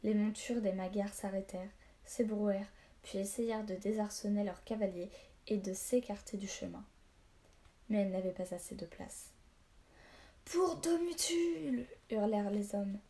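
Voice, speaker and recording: Mellow-voiced woman reading a novel aloud. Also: mid-range voice, moderate pace. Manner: steady storytelling with small slips and rereads. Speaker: narrator.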